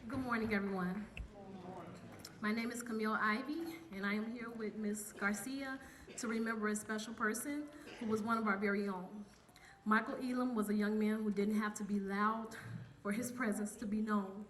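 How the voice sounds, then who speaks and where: A woman, an academic dean, giving a formal memorial tribute in a measured, solemn manner. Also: mid-range voice, steady tone, fairly bright tone, a little hiss or hum. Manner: measured, solemn prepared reading.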